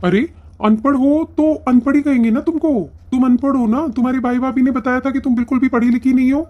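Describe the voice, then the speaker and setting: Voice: sits high, steady tone, fast talker, lo-fi sound, natural voice. An actor voicing a kind, idle young husband in a cartoon who talks in an eager, reassuring way. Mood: surprised. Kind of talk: cartoon voice acting.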